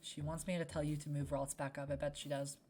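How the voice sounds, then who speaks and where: A woman's voice: sits low, level tone, fast talker, darkish tone, faint music behind. A young woman, a game developer, chatting casually over her own playthrough and answering viewers' questions as she goes. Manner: chatty, wandering, answers chat. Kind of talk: casual let's-play commentary.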